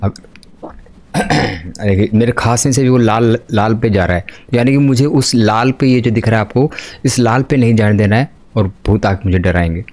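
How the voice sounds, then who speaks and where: A man's voice: fairly low pitch, moderate pace, a little mellow. Chatty man doing gameplay commentary. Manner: chatty, keeps addressing viewers as guys. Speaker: gaming YouTuber. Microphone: desk microphone.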